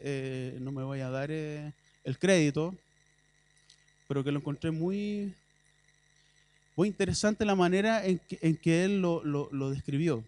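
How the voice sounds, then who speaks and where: A man's voice: on the high side, a little mellow. A man with a Chilean Spanish accent preaching a sermon in a church, talking in a conversational way with ironic asides and emphatic bursts.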